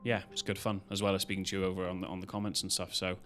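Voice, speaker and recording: A man's voice: low-pitched, flat delivery, very fast, a bit bright, a little hiss or hum. A British man chatting casually as a live streamer, in a loose, rambling way with some casual swearing. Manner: rambling, loosely strung-together talk.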